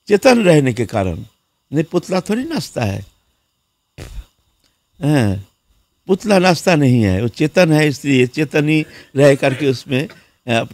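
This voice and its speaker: A man's voice: mid-range voice, dry recording. A man giving a devotional sermon as a monk, telling stories and acting out the people in them, often saying "haan". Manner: lively storyteller who acts out the people in his story; repeats words and fills with "haan". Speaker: monk preacher.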